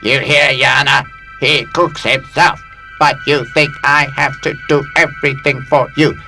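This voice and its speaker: A sulking cartoon robot, voiced by a man, complains in a stiff, clipped, staccato voice that sounds sorry for itself. Music plays clearly under the dialogue, as in a clip from a dubbed animated film. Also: mid-range voice, unhurried, close to an everyday voice. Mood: self-pitying. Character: lonely self-pitying male robot.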